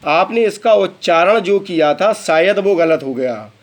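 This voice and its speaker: Male english tutor, kinda high voice, talks real slow, spells stuff out for students. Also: expressive. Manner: slow, spells words out letter by letter; addresses students as beta. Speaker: English teacher. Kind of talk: classroom lesson.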